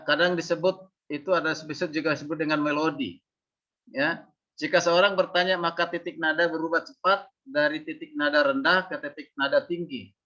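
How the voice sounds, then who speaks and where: Bright-voiced man giving a seminary lecture. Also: fairly high pitch, highs cut off. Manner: demonstrates rising and falling intonation, many fillers. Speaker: homiletics lecturer.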